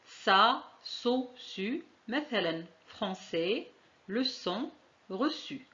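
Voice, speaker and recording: A woman teaching a French lesson, saying each example slowly and deliberately. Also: mid-range voice, a bit bright, lo-fi sound. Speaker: language teacher.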